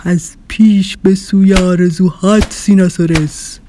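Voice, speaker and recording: A woman voicing a big, friendly, boastful male dinosaur in a children's audio story, speaking slowly and loudly. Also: steady tone, slight background noise, lightly acted. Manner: slow, loud and booming, proud.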